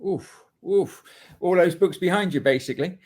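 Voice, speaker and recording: A man's voice: sits high, normal speed, darkish tone. A man hosting a podcast interview, introducing his guest with effusive, enthusiastic praise. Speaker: podcast host. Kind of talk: casual interview.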